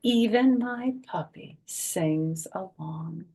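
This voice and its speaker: A storytime host reads a picture book aloud for kids, pausing for chatty, easy explanations. She takes it slowly in a lowish, warm voice that is husky and creaky.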